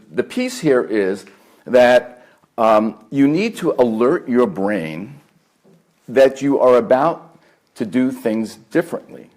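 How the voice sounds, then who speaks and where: A man's voice: medium pitch, a little mellow. Earnest man with a New York accent. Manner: measured, earnest, repeats key phrases for emphasis. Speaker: family therapist giving a talk. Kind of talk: live workshop talk. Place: meditation center talk room.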